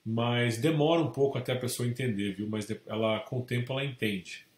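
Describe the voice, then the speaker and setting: A Brazilian man, a real estate agent, telling lively stories in a casual interview and acting out the people in them. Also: medium pitch, a little fast. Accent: Brazilian Portuguese. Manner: animated anecdotes, acts out quoted people. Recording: echoey room.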